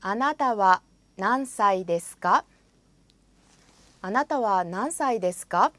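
In a studio without echo, a woman with a mid-range, animated, fairly bright voice records example phrases for a language course. She pronounces each one carefully and deliberately, then repeats it.

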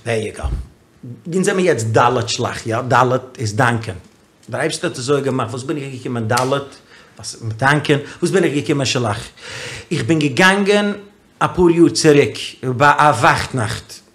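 A man's voice: mid-range voice, lively intonation, moderate pace, fairly bright tone. A man speaks as a podcast guest in a mid-range voice, telling a story casually and with plenty of animation. He keeps posing rhetorical questions. The recording has a noticeable roomy echo.

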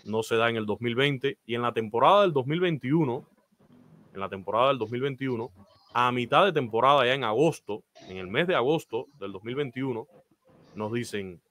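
Here a man from Cuba, in his thirties, speaks at a normal speed in a slightly bright, mid-range voice with a Cuban Spanish accent. He's a baseball announcer appearing as an interview guest on a video call from a small indoor room, earnestly describing his career and giving advice while often saying "eh."

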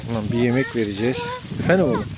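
A man's voice: mid-range voice, wildly swooping pitch, very fast. A man vlogging while feeding dogs outdoors, giving firm commands to the dogs and casual asides to his viewers. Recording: noisy outdoor recording.

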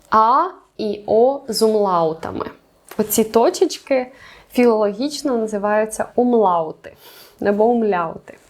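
A woman teaching a beginners' language lesson, explaining patiently and slowing down for examples. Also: a little high. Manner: patient, clear explanations with slow spelled-out examples.

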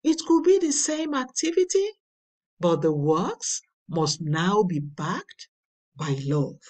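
Slow, lively-voiced woman reading a devotional. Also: fairly low pitch, far from the mic. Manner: slow, deliberate reading with emphatic swells. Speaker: devotional reader. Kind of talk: slow read devotional with scripture.

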